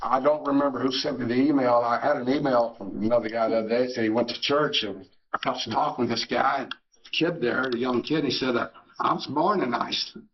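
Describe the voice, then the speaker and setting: An older Navy veteran reminisces during an interview in a steady, mid-range voice, hesitating often with many fillers and restarts. The recording sounds lo-fi.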